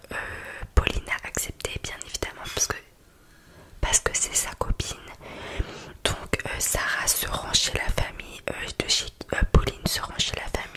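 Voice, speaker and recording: A woman telling a story in a soft, breathy library whisper, ASMR style, in an informal and hesitant conversational manner. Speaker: ASMR video creator.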